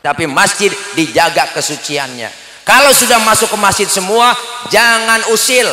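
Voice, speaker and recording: A man's voice: high voice, moderate pace, bright, forceful tone. A man with a Betawi accent giving a humorous sermon, joking and chatting with the crowd. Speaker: preacher. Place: mosque event hall. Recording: echoey hall sound.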